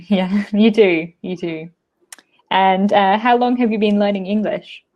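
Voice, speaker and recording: An Australian woman teaching English in a casual online chat, often pausing with "um" and laughing easily. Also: medium pitch, steady tone, dull audio. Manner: giggly, hesitant with frequent ums. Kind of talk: casual conversation lesson.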